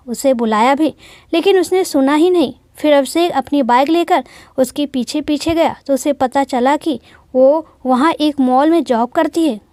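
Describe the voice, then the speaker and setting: A woman's voice: high voice, a little mellow, no room sound, studio quality. A woman narrating a moral love story in a plain storytelling manner.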